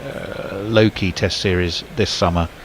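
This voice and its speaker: A man's voice: sits low, fairly even intonation, measured pace, slight background noise. A man doing casual ball-by-ball cricket commentary, rambling with fillers and restarts.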